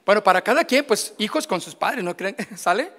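A man's voice: high voice, animated, moderate pace, sharp tone, long reverb tail. A middle-aged man with a Mexican Spanish accent, preaching a sermon in a conversational way, asking his congregation questions and joking with them. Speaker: pastor. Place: church hall.

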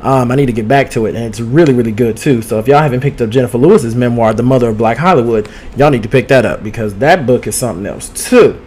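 Male podcast host, mid-pitched, sassy gossip chatter, streaming from home. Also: fast, few pauses, darkish tone, slightly rough. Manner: sassy, outspoken, swears freely; talks straight to listeners. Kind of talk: casual gossip chat. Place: home studio. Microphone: streaming with two cameras.

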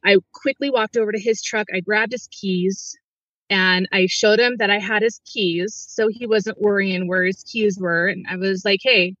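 A middle-aged woman speaks earnestly and haltingly, pausing and restarting as she recounts something painful. Her voice sits at an ordinary pitch, recorded dry and close with a slightly dull, muffled tone. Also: a bit bright, no echo. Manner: earnest, hesitant, many restarts and fillers. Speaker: guest. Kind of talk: personal story in an interview.

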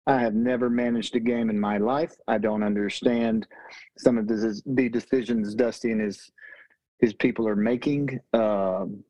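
A man's voice: fairly low pitch, fairly even intonation, moderate pace, mellow, no room sound, dull audio. A man on a casual sports podcast, speaking emphatically and critically about decisions he disagrees with.

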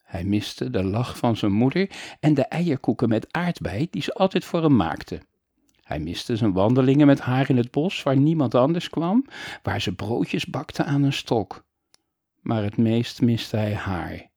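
A man reading a children's storybook aloud in an expressive way, moving between lively and hushed tones, close to the mic. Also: medium pitch, a little slow, breathy edge, no room sound. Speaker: audiobook narrator.

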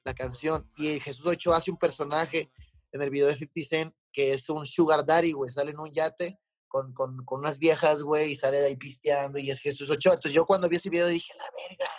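A man's voice: a little high, steady tone, a little fast, dry recording. A man with a Mexican accent, a rapper talking casually as a guest and telling stories in sweary street slang. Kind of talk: casual chat, storytelling.

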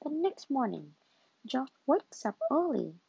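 A woman reading a children's storybook aloud in a slow, gentle manner, on a dull lo-fi recording. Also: high voice, sing-song, gravelly, husky, dry recording.

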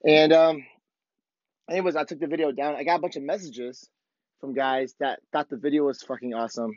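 A hoarse man with a worn-out voice hosting a podcast, talking casually and candidly in a rambling, profanity-heavy motivational monologue. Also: mid-range voice, fairly even intonation, fast. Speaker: podcast host. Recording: dull, lo-fi, roomy echo.

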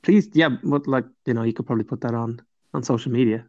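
A man's voice: mid-range voice, quick pace, darkish tone. A man chatting casually as a podcast co-host, jokey and given to acting out little quotes. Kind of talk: casual banter. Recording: roomy, slightly muffled sound.

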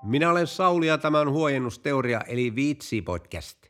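Animated male joke-telling podcaster. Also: medium pitch, over loud music. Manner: playful, animated storytelling. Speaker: podcast host. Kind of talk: telling jokes.

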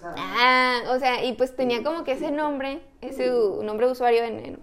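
Speaking at a moderate pace in a high, fairly bright voice, this woman co-hosts a podcast. She has a Mexican Spanish accent and tells stories casually, with a chatty, slangy style.

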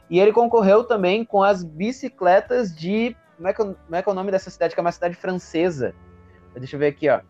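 Give me a young Brazilian man on a bad connection. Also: high-pitched. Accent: Brazilian Portuguese. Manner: excited, rambling, repeats himself. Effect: bad internet call connection, dull lo-fi sound. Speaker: podcast co-host. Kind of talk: casual chat about animated films. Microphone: remote call microphone.

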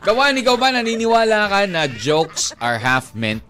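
A man's voice: high-pitched, big pitch swings, moderate pace, pushed and bright, faint music behind. A male Filipino radio DJ bantering casually with his co-host, teasing and laughing often, mixing Tagalog and English.

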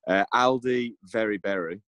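A man with a fairly low voice chats loosely and jokingly, dropping slang as he goes. The sound is dry and close. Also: normal speed, fairly bright tone, no room sound. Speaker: podcast co-host. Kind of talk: casual chat.

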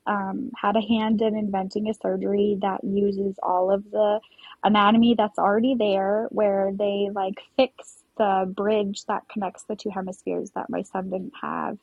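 A woman's voice: mid-range voice, level tone, measured pace, creaky, husky, no room sound, narrow, tinny audio. A young woman telling her personal story as a podcast guest, emotional and full of "like" fillers. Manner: emotional, heavy use of "like" fillers.

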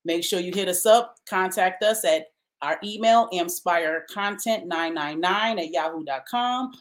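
A woman co-host with a lowish voice closes out a casual podcast. She talks in an upbeat, slangy way and drags out her plugs and contact details. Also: unhurried.

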